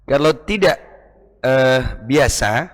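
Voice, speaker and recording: A man's voice: mid-range voice, lively intonation, slow pace. A man teaching Quran recitation, patiently repeating each sound to demonstrate it, with an East Javanese Indonesian accent. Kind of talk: recitation lesson.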